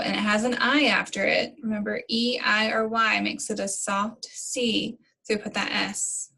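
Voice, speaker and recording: A woman teacher explaining phonics coding step by step in a slow, patient way to young pupils. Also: mid-range voice, gravelly, fairly bright tone, low-quality recording. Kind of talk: recorded phonics lesson for children.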